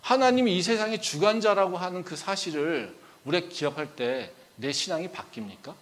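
Animated Korean pastor preaching conversationally. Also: male voice, high-pitched, moderate pace. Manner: conversational preaching, acting out dialogue with shifting loudness; frequent filler "ye". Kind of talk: sermon.

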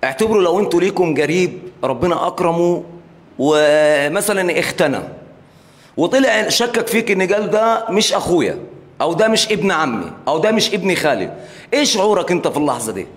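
A man's voice: high voice, expressive, fast talker. A man making an impassioned, repetitive plea in a live interview. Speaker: interviewee, brother of a singer.

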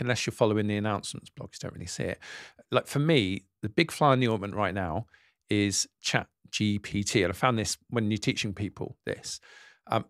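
A man's voice: lowish voice, dry recording, studio quality. A man co-hosting a podcast, thinking aloud in a hesitant, musing way with frequent restarts. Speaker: podcast co-host. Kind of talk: casual conversational podcast chat.

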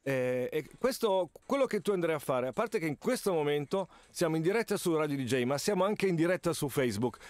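A man's voice: fairly high pitch, lively intonation, fairly quick, hardly any pauses, darkish tone, dry recording. A middle-aged man hosting a live radio show in casual, teasing banter. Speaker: radio host. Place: radio studio. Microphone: close studio microphone with headphones.

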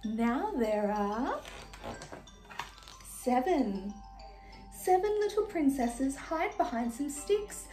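A young woman playing a sweet, gracious fairy-tale princess, reading in an animated, sing-song way for small children. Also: sits high, extremely slow, pauses often, full character voice, low-quality recording. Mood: sweet storytelling. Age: young adult. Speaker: children's party entertainer reading a storybook. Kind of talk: children's storybook reading in character. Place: small decorated room indoors. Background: music.

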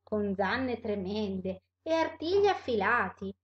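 A woman teacher reading a rhyming storybook aloud for children, in an expressive read-aloud manner, with a slightly dull recording. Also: medium pitch, slow pace.

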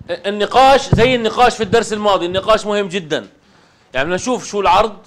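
Quick-talking teacher. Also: male voice, high voice, fairly bright tone. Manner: quick, questioning, conversational. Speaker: Quran recitation teacher. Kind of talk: classroom teaching.

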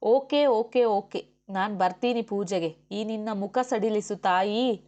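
A woman's voice: mid-range voice, takes it slowly, darkish tone, lightly acted. Brief: woman reader voicing a bossy, short-tempered male official in an audiobook, giving curt orders. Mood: pleading. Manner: commanding, scolding. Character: stern male officer and husband, quick-tempered. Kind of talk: audiobook character voice.

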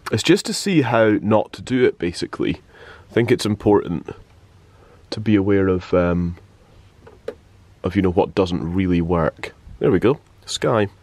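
Chatting vlog-style into a handheld camera, a radio presenter in his twenties makes wry, understated asides in an unhurried, slightly mellow voice with lively intonation. Background rumble and noise run through the camera audio.

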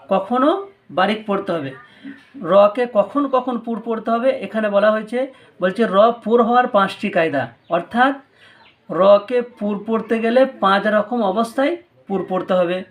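Man, Bangladeshi Bengali accent, high pitch, patient lesson tone, repeats rules. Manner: patient, repeats each rule twice. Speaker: Quran recitation teacher. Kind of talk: step-by-step tutorial lesson.

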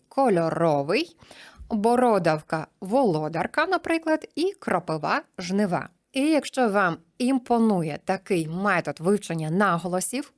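A woman teacher giving an exam-prep video lesson, speaking clearly and slowing down to stress example words. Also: on the low side. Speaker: Ukrainian language teacher.

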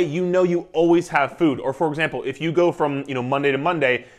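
A man in his thirties talks straight to the camera as a nutrition coach, energetic and emphatic, with a slightly higher voice than most men. He is in a living room, clipped with a lapel mic. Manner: energetic, emphatic, gestures a lot while talking. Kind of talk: casual instructional talk to camera. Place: living room indoors, beside a whiteboard.

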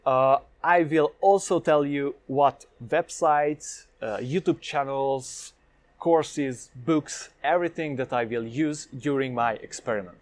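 A young Hungarian man with a Hungarian accent talks straight to camera in an upbeat vlog about language learning, energetic and gesturing with his hands. His voice is medium in pitch. He's indoors against a plain light wall, on a lapel mic in a medium camera frame.

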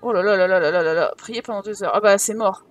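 A woman's voice: mid-range voice, fast. A woman hosting a gaming channel, giving casual gameplay commentary, chatty and joking as she thinks aloud.

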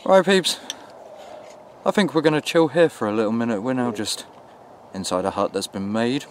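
A man's voice: medium pitch, moderate pace, slight background noise. A man in his twenties hosting a casual night exploring vlog, talking uneasily to his viewers on a handheld camera outdoors. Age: 20s. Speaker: vlog host. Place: outdoors in woods and open field at night. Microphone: camera mic, handheld.

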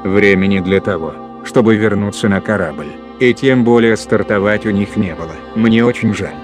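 A man playing a calm, rational ship's computer in a sci-fi audio drama, formal, precise and emotionless. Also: on the low side, over music, natural voice. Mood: calm, consoling. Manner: measured, precise, emotionless announcements.

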